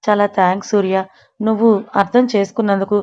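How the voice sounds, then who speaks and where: A woman's voice: mid-range voice, level tone, fast, darkish tone, lightly acted. A woman voicing a kind, grateful young married woman in a storybook. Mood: pleading. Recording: dull lo-fi recording.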